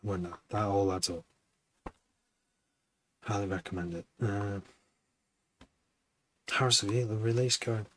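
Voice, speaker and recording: A man's voice: fairly low pitch, takes it slowly, pauses often, a little hiss or hum, low-quality recording. A man who produces music, chatting casually on a live stream, rambling and hesitant with many restarts.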